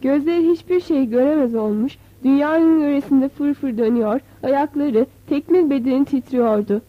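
A woman narrating a novel as an audiobook, in a measured, expressive reading. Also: sits high. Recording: dull, slightly lo-fi.

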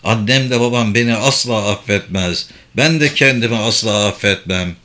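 A man voicing a steady young male mountain guide who speaks low and firm. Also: normal speed.

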